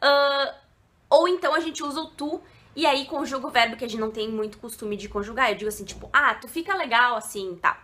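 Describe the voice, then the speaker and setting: A woman's voice: sits high, fast, pushed and bright. A woman from Brazil, teaching in a casual, chatty video lesson full of asides. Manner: chatty and digressive, with frequent asides. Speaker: online Spanish teacher.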